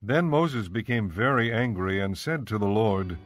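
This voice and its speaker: A man narrating scripture in an even, measured storytelling manner, with faint music behind. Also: fairly low pitch, no echo.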